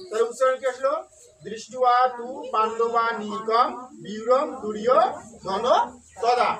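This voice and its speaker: A man teaching scripture recitation, breaking words into syllables and patiently quizzing his listeners with rhetorical questions. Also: very high voice. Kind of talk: syllable-by-syllable pronunciation lesson. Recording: distant mic with faint background noise.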